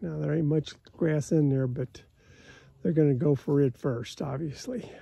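Out in an open pasture, an American man who raises cattle talks through his chores in a folksy, plain-spoken way, filming on a phone he holds himself. His voice is on the high side, gravelly, warm, and slightly rough, with fairly even intonation and a measured pace. There's no echo.

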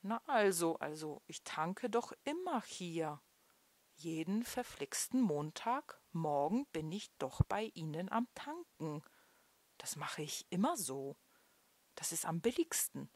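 A woman's voice: fairly low pitch, sing-song, slow, no room sound, exaggerated voice. A woman voicing a confused, flustered man at a gas pump who stammers defensively in a trembling voice. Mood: baffled, indignant.

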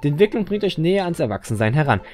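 A man's voice: a little high, very animated, racing, a little mellow, pitched above the performer's own voice. A man voicing a female schoolteacher from a video game, lecturing her pupils in a sing-song tone. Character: prim female schoolteacher addressing little pupils.

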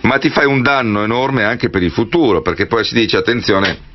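A male radio host with a very low voice asks long, winding questions full of asides. His tone is measured and conversational. The sound is dull and lo-fi, like a radio broadcast. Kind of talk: radio interview.

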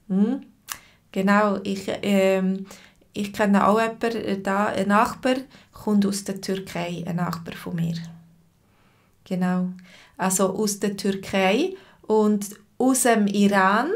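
A woman in her thirties with a Swiss German accent, giving a live-stream language lesson from home at her webcam and answering viewers by name. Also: medium pitch. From Switzerland. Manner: slow, patient, repeats phrases and answers chat viewers by name. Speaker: language teacher.

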